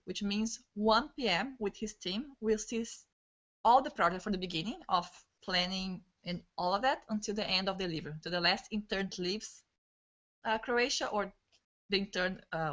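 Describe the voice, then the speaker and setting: Fast-talking woman leading a video-call training. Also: medium pitch. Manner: fast, excitable, restarts words, non-native English. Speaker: trainer leading an online team session. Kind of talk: live online training talk. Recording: dull lo-fi video-call audio.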